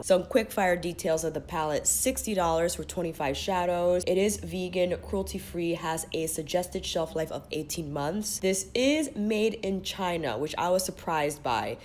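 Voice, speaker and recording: A woman's voice: on the low side, a little mellow. A woman with a stuffy nose from a cold, casually reviewing a makeup palette to camera in a chatty, explaining way. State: stuffy nose, under the weather. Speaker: beauty vlogger.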